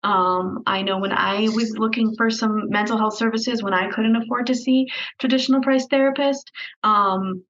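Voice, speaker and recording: A woman's voice: fairly high pitch, fairly even intonation, moderate pace, a bit bright. A woman, head of a nonprofit, answering interview questions over a video call in a friendly, chatty, self-deprecating way. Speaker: nonprofit executive director. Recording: dull video call audio.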